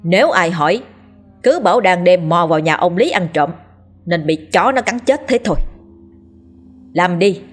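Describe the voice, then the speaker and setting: A woman's voice: on the low side, expressive, normal speed, pauses often, soft background music. Woman voicing a cruel shrieking landlady. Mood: vicious scolding. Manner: harsh scolding, shouting threats. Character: cruel shrill old landlady, bullying and murderous.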